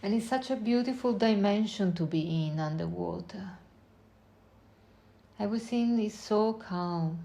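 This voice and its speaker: A meditation guide with a creaky, mid-range voice takes listeners through a slow visualization, her instructions gentle, brief and unhurried. Long pauses fall between her phrases as she moves at a slow pace.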